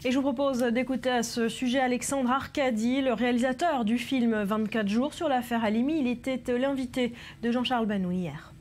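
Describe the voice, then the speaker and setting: A woman's voice: a little high, brisk, few pauses, darkish tone, a little hiss or hum. A woman presenting the news on a morning radio show.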